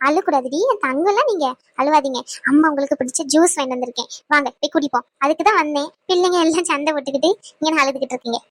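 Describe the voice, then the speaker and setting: A woman's voice: high voice, rapid-fire, no room sound, close to an everyday voice. A woman voicing a caring, fussy mother in a cartoon who consoles her crying daughter. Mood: consoling. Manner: fussing, consoling. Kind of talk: cartoon voice acting.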